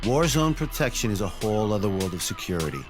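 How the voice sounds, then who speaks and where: A man's voice: on the low side, big pitch swings, quick pace. A man narrating a documentary in a punchy, dramatic scripted way. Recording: music underneath.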